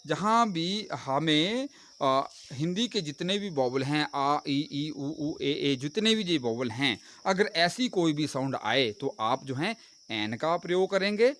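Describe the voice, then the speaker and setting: Man, teacher, animated rising and falling pitch, faint crickets behind. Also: slow pace, a little hiss or hum. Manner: explains step by step, asking and answering his own questions. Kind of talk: grammar lesson.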